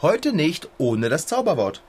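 Ein Mann spielt in einem komischen Hörspiel einen jungen Mann, der am Rechner nascht und neckend, selbstgefällig redet. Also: male voice, fairly high pitch, big pitch swings, measured pace, darkish tone, slight background noise. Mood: smug. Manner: teasing, smug. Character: teasing young man snacking at his computer. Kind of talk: comic audio play.

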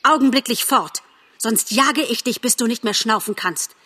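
A woman's voice: a little high, moderate pace, sharp tone, slightly rough, pitched above the performer's own voice. A woman doing a bullying, domineering buck. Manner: harsh, commanding. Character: bullying young male deer, angry and domineering.

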